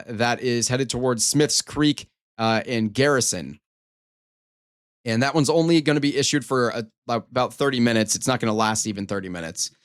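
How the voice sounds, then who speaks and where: A man hosting a live storm coverage stream, giving running weather commentary in an emphatic, repetitive way. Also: medium pitch. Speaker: storm coverage livestream host.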